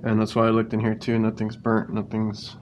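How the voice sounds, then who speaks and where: A man's voice: fairly low pitch, a little fast, lo-fi sound, a little hiss or hum. A man working as a refrigeration technician, casually explaining each step as he fixes a walk-in cooler, recorded on a head-mounted camera. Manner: relaxed, plain-spoken, explains as he works. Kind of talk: casual on-the-job narration. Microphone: head-mounted action camera.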